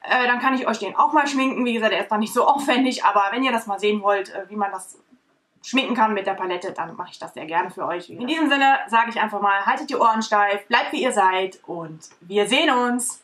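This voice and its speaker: Bright-voiced chatty woman vlogger. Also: medium pitch, a little fast. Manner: chatty, rambling with many fillers. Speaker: beauty vlogger. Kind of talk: casual makeup tutorial chat. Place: bedroom or home studio, indoors.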